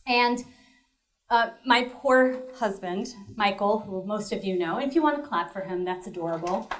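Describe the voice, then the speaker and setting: A woman's voice: medium pitch, moderate pace, a little hiss or hum. A woman performing a one-woman stage show, chatty and self-mocking, talking straight to the audience. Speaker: comedic performer.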